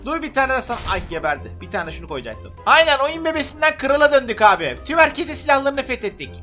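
A young-sounding man with a high, bright voice rattles off lively gameplay commentary, full of excitable teasing and trash talk. He speaks from a desk setup indoors, with faint music running underneath. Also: quick pace. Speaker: gaming YouTuber. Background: faint background music.

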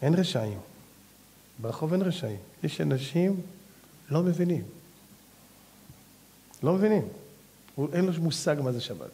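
A man giving an impassioned rabbi's lecture, telling stories and pleading with his listeners, swinging from low earnest tones to high shouted exclamations. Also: animated, long pauses. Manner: addresses the audience directly as "gentlemen" and "brother". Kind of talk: animated Torah lecture with storytelling.

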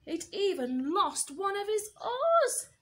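In an unhurried reading, a teacher shares a picture book with small kids, breaking off to ask them questions. She's expressive, with a high voice that swoops dramatically up and down.

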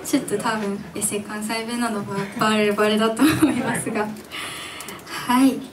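A young woman in her twenties, a singer chatting with her audience at her own live show, animated and giggly as she tells stories. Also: on the high side, moderate pace. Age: 20s. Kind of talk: casual stage MC chat with the audience. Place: live music venue stage. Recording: distant mic in a live club, faint background noise.

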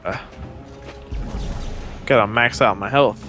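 A man's voice: mid-range voice, slow pace, pushed and bright, faint music behind. A man playing a co-op game, bantering and laughing easily in casual let's-play commentary. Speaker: co-op gaming partner.

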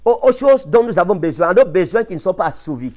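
High-pitched impassioned French-speaking preacher. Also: male voice, animated, fast talker, darkish tone. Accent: Cameroonian French. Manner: emphatic, rising to high impassioned peaks then dropping low. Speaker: prophet preacher. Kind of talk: sermon.

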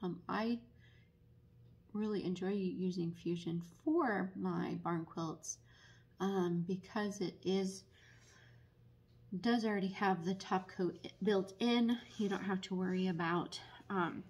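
A woman teaching barn quilt painting at a table in a casual, unhurried tutorial full of ums. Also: medium pitch, a little mellow, husky. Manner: unhurried, many ums, explanatory. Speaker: painting instructor and paint retailer.

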